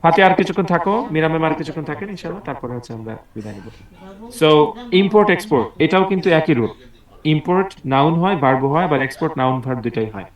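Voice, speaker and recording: Animated and fast, this high-leaning male voice belongs to an online English teacher drilling words aloud on a video call. He comes across as patient and encouraging, though the audio is roomy and distant.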